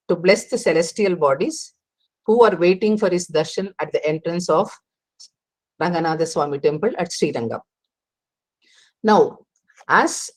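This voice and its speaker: Woman teaching a scripture class. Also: on the low side. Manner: explanatory, with frequent pauses and restarts. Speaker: religious teacher.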